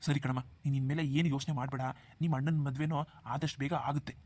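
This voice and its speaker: A man voicing a well-off, generous young village man in a cartoon, who talks briskly and hushes others' worries. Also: medium pitch, fairly even intonation, natural voice. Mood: reassuring. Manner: brisk, dismissive of worries, hushing. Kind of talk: Kannada cartoon dubbing.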